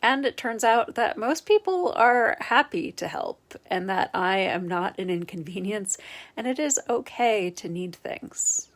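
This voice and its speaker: A woman priest in her thirties speaks with candid earnestness. Her voice sits low and carries a gravelly edge. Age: 30s. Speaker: Episcopal priest. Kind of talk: personal reflective talk.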